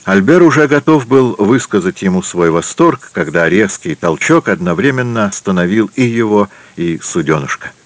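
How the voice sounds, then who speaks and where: Low-voiced man reading an adventure audiobook. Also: expressive, normal speed, hardly any pauses, dry recording. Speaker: audiobook narrator. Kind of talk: scripted narration.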